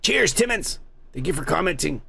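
Breathy and pushed bright with vocal fry, his slightly high voice swings widely in pitch at a moderate pace. Hosting a show from home, he reads viewer comments in a rambling, profane, casual manner, restarting frequently into a heavily compressed mic.

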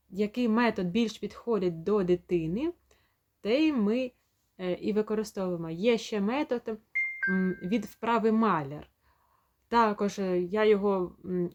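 A woman speech therapist giving a home lesson, explaining calmly and demonstrating sounds slowly and clearly. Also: medium pitch.

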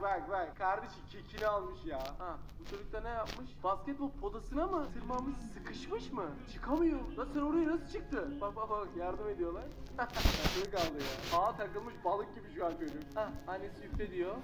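A young man casually commenting on funny videos as a reaction host, exclaiming and laughing often with slangy remarks. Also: high voice. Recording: heavy background noise.

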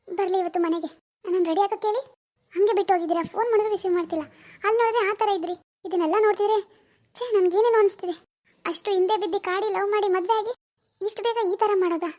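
A woman's voice: very high-pitched, fairly even intonation, very fast, warm tone. A woman acting as a young wife who suspects her husband, wondering aloud in an anxious, questioning way. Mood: hurt. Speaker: actor in a family web drama. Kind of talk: amateur family drama acting.

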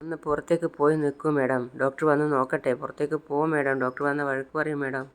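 A man voicing a brisk hospital nurse who firmly ushers visitors out. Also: on the high side, level tone, clean tone, lightly acted.

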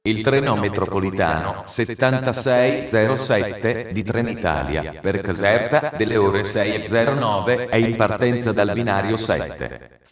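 A man giving a formal train station loudspeaker departure announcement in an even delivery. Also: fairly low pitch, measured pace, long pauses. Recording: dull, distant, echoey loudspeaker with loud noise.

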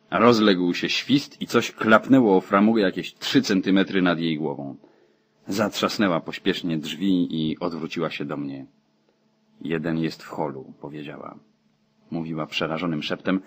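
A man reading a novel aloud as an audiobook narrator, in a steady, even way. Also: low-pitched, normal speed, husky. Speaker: audiobook reader.

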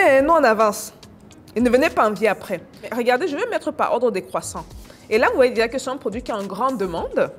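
A woman business coach walking viewers through products on screen in a casual, teasing, exclamatory way. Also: mid-range voice. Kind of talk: casual screen-share teaching.

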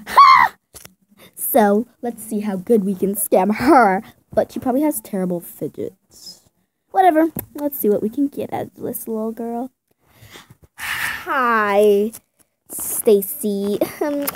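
A young female performer voicing a smug, bratty scammer girl in a toy role-play video, talking loud and showy. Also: a little high, a little hiss or hum.

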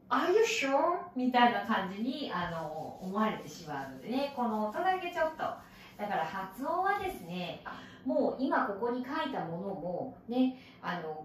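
A woman English teacher with a Japanese accent, giving an animated recorded lesson with playful sound effects. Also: medium pitch, slight background noise. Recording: echoey room from far off.

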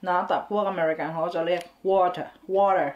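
A woman's voice: fairly low pitch, steady tone, quick pace, lo-fi sound. A woman from Thailand hosting a vlog, explaining words in a chatty way with English words mixed in and giggly asides. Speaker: vlog host. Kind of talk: casual explainer chat.

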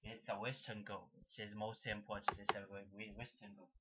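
Heavy background noise sits under a young man's lowish, fairly flat voice as he casually walks the camera through his paintings. An amateur painter from Shanghai, China, and a native Mandarin speaker, he rambles in halting, repetitive broken English with a Chinese accent, filmed in a small indoor room on a dull, lo-fi webcam.

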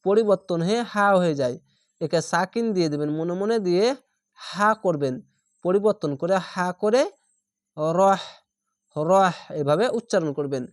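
A high-pitched man teaches Quran reading as a step-by-step recitation lesson, speaking at normal speed. He breaks words into individual letters and syllables, repeats the sounds, and extends the vowels before linking them up, recorded at studio quality with no room sound.

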